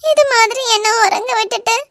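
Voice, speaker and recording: A woman voicing a tearful, very high-pitched young bride. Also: moderate pace, vocal fry, over a noisy crowd. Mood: tearful pleading. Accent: Kanyakumari Tamil. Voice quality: very high, girlish. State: crying. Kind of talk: animated romance voice acting.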